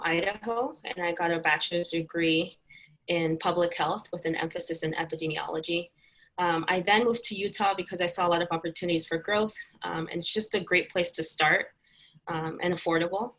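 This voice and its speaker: A young woman talks through her work as a guest on an interview show. Her voice sits a little low, and she speaks in a friendly, chatty way. She fills her pauses with plenty of "um"s. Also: fairly even intonation, fairly bright tone, poor audio. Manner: chatty, friendly, many fillers. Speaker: guest, community health educator. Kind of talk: casual interview answers.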